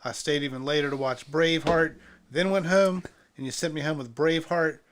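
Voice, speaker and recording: A man's voice: on the high side, a little fast, slight background noise. A man co-hosting a podcast, chipping in short agreements and recalling old times in casual chat. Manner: brief agreeing interjections, relaxed recollection. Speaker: podcast co-host.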